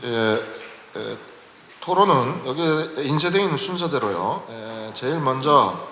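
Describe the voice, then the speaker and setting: A middle-aged man from Jeju moderating a public forum in a formal, halting manner, with many pauses. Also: medium pitch, animated, a loud crowd. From Jeju, South Korea. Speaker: panel moderator. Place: large lecture hall at a public forum. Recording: echoey hall recording with faint noise.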